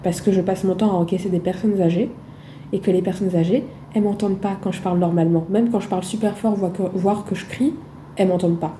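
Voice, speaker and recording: A loud-spoken woman talking casually to her phone camera in a vlog, with emphatic rhetorical questions and frequent hesitations. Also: mid-range voice, steady tone, fast, slight background noise. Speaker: vlogger.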